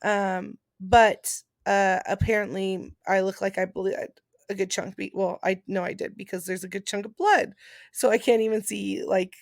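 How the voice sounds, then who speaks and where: A woman's voice: medium pitch, little pitch movement, normal speed, vocal fry, dry recording, clean studio sound. A woman chatting casually and informally as she explains things step by step. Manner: informal, explanatory, reading out points then paraphrasing. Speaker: vlogger and post-surgery patient. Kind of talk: casual chat about recovery.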